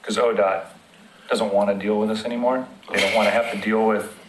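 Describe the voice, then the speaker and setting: A man with a somewhat low voice speaks plainly and practically at a public committee meeting, explaining things with everyday examples. The room is echoey and a faint background hum sits under his voice. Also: flat delivery, a little fast. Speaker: city road maintenance staff presenting.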